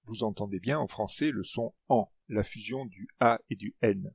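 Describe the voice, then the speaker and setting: Male presenter, husky and gravelly, scripted lesson read in a dry booth. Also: on the low side, normal speed, dry recording. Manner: explanatory, stresses example words. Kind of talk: scripted educational narration.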